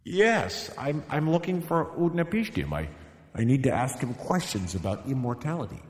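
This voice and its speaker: A man's voice: medium pitch, sing-song, normal speed, roomy sound, long reverb tail, natural voice. A man voicing a flustered young king in a storybook tale, stammering and pleading.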